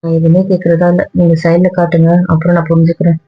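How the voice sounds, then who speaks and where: A woman's voice: lowish voice, completely flat delivery, fast. A woman in a couple's argument vlog, talking to her partner in a hurt, weary, lecturing way. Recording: dull lo-fi sound.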